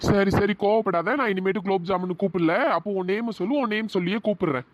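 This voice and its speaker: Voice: medium pitch, fairly even intonation, fast talker, no echo, muffled recording, lightly acted. A performer voicing a young college man in a cartoon story, teasing at first and then pleading and apologetic.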